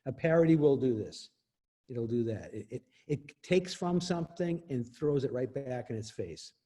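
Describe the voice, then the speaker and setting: A man with a dark, husky voice speaks as an interview guest. He explains things emphatically, with frequent laughs. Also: mid-range voice, lively intonation, normal speed. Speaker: interview guest, copyright expert. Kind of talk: explanatory casual talk.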